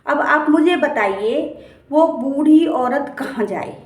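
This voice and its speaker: A woman's voice: sits high, expressive, slow. A woman speaking as a devotional speaker, giving an impassioned, earnest moral appeal and repeating phrases for emphasis. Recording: roomy, from a distance.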